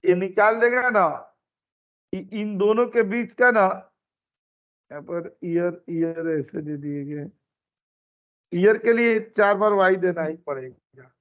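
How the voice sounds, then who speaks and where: A man's voice: sits high, slow pace, long pauses, a bit bright. A man teaching an online class, explaining step by step and repeating his phrases. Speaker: instructor. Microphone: computer mic on a video call. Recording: dull lo-fi meeting recording.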